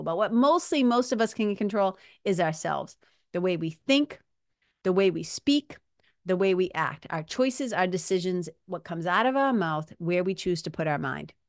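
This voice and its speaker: A woman's voice: fairly low pitch, lively intonation, moderate pace, no room sound. New woman, dry close-sounding motivational talk. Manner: informal, conversational and emphatic, with salty slang. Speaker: podcast host and spiritual coach. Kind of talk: casual motivational monologue to listeners.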